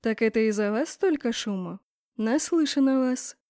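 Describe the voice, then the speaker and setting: A woman voicing a cold, appraising middle-aged emperor who speaks slowly and flatly. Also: fairly high pitch, dry recording, clean studio sound.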